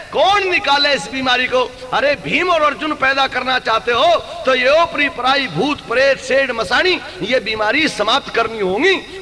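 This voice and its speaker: A man's voice: very high-pitched, sharp tone, in a large hall. A man with a Haryanvi accent, a folk comedian and preacher, telling rustic jokes and sermon-like asides in dialect on stage.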